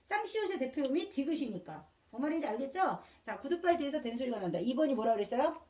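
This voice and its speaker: Woman, teacher, grammar lecture, quizzing questions, casual slang, animated intonation, a bit off-mic. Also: high voice, fast, far from the mic. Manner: drills students with repeated questions. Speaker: Korean language teacher. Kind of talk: classroom lecture.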